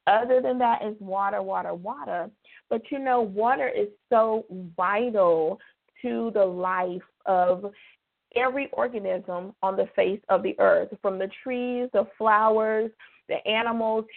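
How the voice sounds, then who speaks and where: On a call-in radio phone line, a slightly husky woman chats casually about devotional topics. Her voice is mid-range, and she draws out important words to emphasize them. She comes across as talkative.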